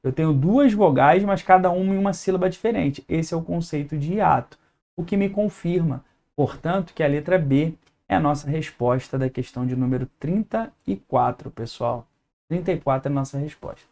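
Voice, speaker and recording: A man's voice: fairly high pitch, moderate pace, a little mellow. A man with a Brazilian Portuguese accent teaching an exam-prep lesson at a whiteboard, explaining step by step and checking in with his students.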